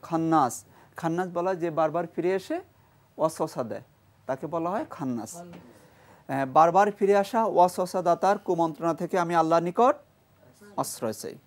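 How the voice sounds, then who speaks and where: A man's voice: a little high, normal speed, pauses often. A man with a Bangladeshi Bengali accent teaching Quran reading on a TV studio show, quizzing pupils, praising right answers and drilling syllables for them to repeat. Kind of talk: studio quiz lesson with a class.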